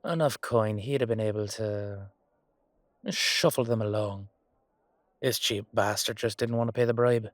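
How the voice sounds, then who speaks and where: An actor voices an Irish-accented fantasy knight for a roleplay audio drama, his low male voice close, dry, unhurried, echo-free and near to everyday speech. The knight is gruff, fiercely protective and hot-headed, with a wry, loyal, cautious manner and colloquial talk laced with swearing.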